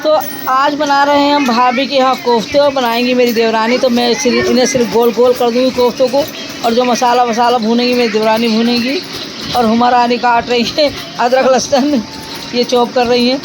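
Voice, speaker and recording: A woman's voice: on the high side, little pitch movement, a little fast, noisy background. A middle-aged woman, chatting casually to her vlog viewers and often thanking God. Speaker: vlogger. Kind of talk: casual vlog chat to camera.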